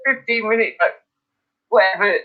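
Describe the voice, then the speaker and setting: A man hosting a live stream from his attic, telling animated stories, laughing and swearing freely in casual chat. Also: sits high, normal speed. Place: indoors by an open attic window. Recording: dull lo-fi stream audio.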